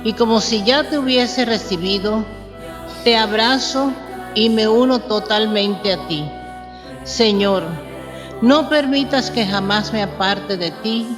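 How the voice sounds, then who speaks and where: A woman reciting a devotional prayer in a deliberate, reverent manner, with long reverb. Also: fairly high pitch. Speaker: prayer reader. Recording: long reverb under music. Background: clearly audible music.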